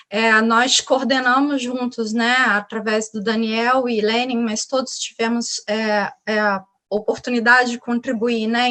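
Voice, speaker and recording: A middle-aged Brazilian woman speaks on an academic panel in a fairly high voice. She hesitates often, repeats small words and restarts her sentences as she goes. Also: a bit bright. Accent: Brazilian Portuguese. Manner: hesitant, many fillers and restarts. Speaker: university professor on a panel.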